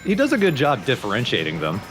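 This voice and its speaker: Another let's play co-commentator, this man talks fast in a mid-range voice with huge pitch swings, casually giving friends his opinionated take on a video game. The recording is rough, and video game music plays in the background.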